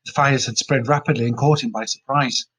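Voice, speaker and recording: A man narrating a story in a steady, plain way. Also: medium pitch, brisk, husky, low-quality recording. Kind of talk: storybook reading.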